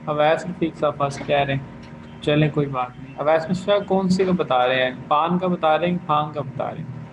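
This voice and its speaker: A man's voice: fairly high pitch, moderate pace, muffled recording, noisy background. A man teaching Chinese tones in an online class, patiently going over students' answers one by one.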